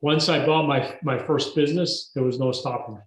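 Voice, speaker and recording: A man, a guest telling his story in a podcast interview in a measured, emphatic way. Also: fairly high pitch, fairly even intonation. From Mexico. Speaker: guest entrepreneur. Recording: roomy echo.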